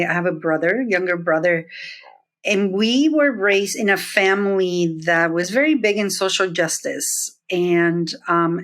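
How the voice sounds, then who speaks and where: In this interview, a middle-aged woman speaks as a guest, reflective and full of fillers and restarts, her voice on the low side with a fairly bright tone. She's a nurse leader who comes from Puerto Rico and was raised in New Jersey.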